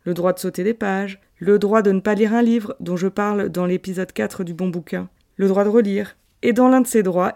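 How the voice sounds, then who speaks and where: French woman host, scripted and playful, mellow voice. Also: medium pitch. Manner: lively, playful storytelling with asides. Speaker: podcast host. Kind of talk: scripted literary podcast monologue.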